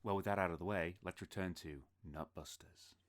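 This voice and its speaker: A man's voice: low voice, fairly even intonation, fairly quick, soft background music. A man narrating as game master of a tabletop game, with a playful, joking delivery.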